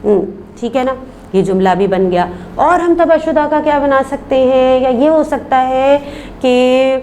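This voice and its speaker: This recorded remote lesson features a woman who teaches Urdu to primary pupils, her voice sitting high with a slightly mellow quality over faint background noise. Patiently, she says words again for the kids and answers her own questions.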